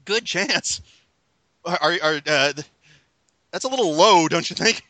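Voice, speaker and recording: Male podcast host, very bright forceful voice, slightly high, hesitant and chatty, dry close sound. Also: lively intonation, measured pace, no echo. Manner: chatty, hesitant, many fillers and restarts. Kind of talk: casual chat.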